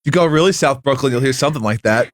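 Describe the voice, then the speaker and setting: A man's voice: medium pitch, quick pace, no echo, studio quality. A man who is a regular on a radio show, joking and laughing at himself in casual banter. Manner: jokey, laughing, self-mocking.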